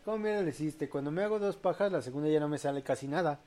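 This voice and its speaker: A man's voice: a little high, rapid-fire, a little mellow, faint music behind. A young man hosting a casual late-night live show, reading audience posts aloud in a crude, joking way and laughing often.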